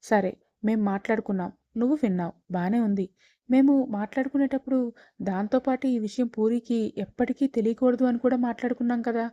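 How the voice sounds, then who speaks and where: An elderly grandmother, gentle but firm in how she speaks, voiced by a woman storyteller. The tone is mellow, and the recording is dry and a touch dull. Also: fairly high pitch, fairly quick, no echo, lightly acted. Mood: stern. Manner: soothing, then stern.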